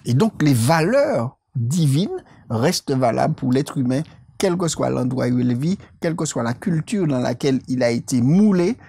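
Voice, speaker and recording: A woman co-hosting a Bible study discussion, speaking in a measured, explanatory way and quoting scripture. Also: extremely low pitch, lively intonation, gravelly, warm tone, breathy edge, no room sound. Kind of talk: religious lesson discussion.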